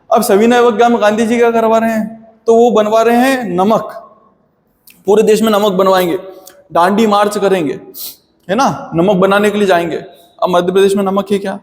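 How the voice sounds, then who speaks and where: A man's voice: high voice, fairly even intonation, normal speed, in a large hall. A man teaching a history lesson in a chatty, friendly way, calling his students "beta". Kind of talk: classroom history lecture.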